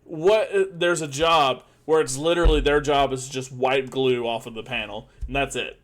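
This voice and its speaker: A man's voice: mid-range voice, steady tone, moderate pace. A man narrating as game master in a laid-back, casual way.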